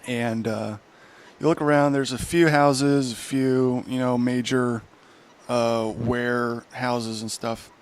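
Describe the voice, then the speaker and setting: A man's voice: mid-range voice, steady tone, slow pace, clean tone. Rambling game master man. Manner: rambling, self-correcting. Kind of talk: narrating a tabletop game.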